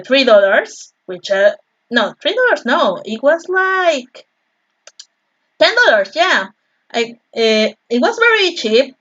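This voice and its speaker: Woman, Peruvian Spanish accent, native Spanish speaker, mid-pitched, rambling casual stream talk, slightly dull lo-fi audio. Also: fairly bright tone. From Peru. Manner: rambling, chatty, friendly thanks to viewers. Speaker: artist live-streaming her painting. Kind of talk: casual live-stream chat. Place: home art studio.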